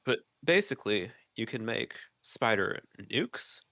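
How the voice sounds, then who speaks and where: A man's voice: medium pitch, very animated, a little slow, pushed and bright, dry recording. A man co-hosting a podcast, explaining at length in casual chat with many ums, his nose stuffy. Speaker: podcast co-host.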